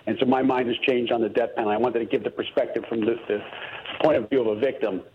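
A middle-aged man calling in to a radio show over a phone line, earnest and halting, with many restarts. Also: medium pitch, fairly even intonation, a little hiss or hum. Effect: heard over a phone line. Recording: muffled phone-line audio.

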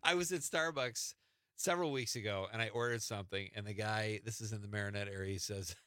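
A man's voice: fairly low pitch, fast, bright, forceful tone, no room sound, clean studio sound. A man hosting a casual, conversational interview. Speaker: show host interviewing a guest.

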